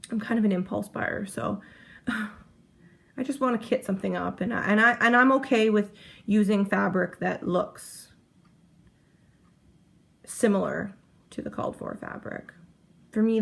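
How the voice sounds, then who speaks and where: Chatty woman with a gravelly voice. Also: medium pitch, measured pace, long pauses. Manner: chatty, rambling, self-interrupting. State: heavily pregnant. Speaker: cross-stitch vlogger. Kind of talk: casual chat to camera.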